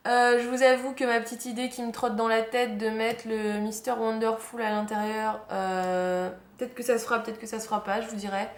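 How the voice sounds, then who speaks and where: A woman's voice: on the high side, flat delivery, a little fast, few pauses. A young woman chatting casually through a planner unboxing, fond of the cute details and saying "hop" as she turns each page. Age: young adult. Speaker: planner vlogger. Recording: echoey room with faint noise.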